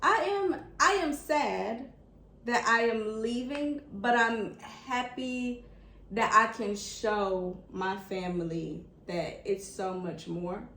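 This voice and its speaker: A woman's voice: on the high side, slow, fairly bright tone. Earnest woman in an echoey room. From United States. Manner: earnest and reflective, repeats herself for emphasis. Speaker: vlogger interviewing her father. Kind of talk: heartfelt sit-down conversation over a meal. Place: indoors at a table. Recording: echoey room with faint background noise.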